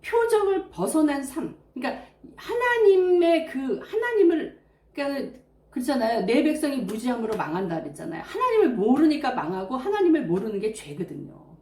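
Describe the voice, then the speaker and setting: A woman delivers an earnest, reflective sermon in a warm, mellow voice that rises and falls in a lively way. Her voice sounds slightly higher than most. The room is echoey and roomy around her. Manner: earnest, reflective preaching with personal testimony. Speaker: preacher.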